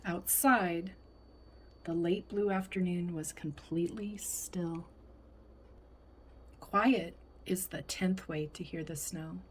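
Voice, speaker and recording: A woman reading a picture book aloud in an expressive way, whispering and playing up the sound words. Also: lowish voice, slow, pauses often, a little hiss or hum. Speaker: storybook reader.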